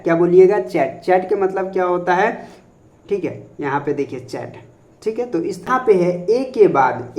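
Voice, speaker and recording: A male teacher talks through a pronunciation lesson at a steady, patient pace. He spells each word out letter by letter, then asks what it should be read as and answers himself. He closes nearly every point with a quick "okay". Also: sits high. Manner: repeats "okay" often and answers his own questions. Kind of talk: classroom-style spoken lesson.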